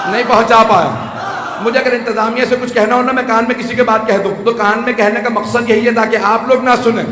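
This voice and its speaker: A man preaching a rhetorical sermon to a gathering, rising to shouts and making joking asides. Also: extremely high pitch, background noise. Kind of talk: Urdu majlis sermon. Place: large hall with audience. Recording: echoey hall, faint ambience.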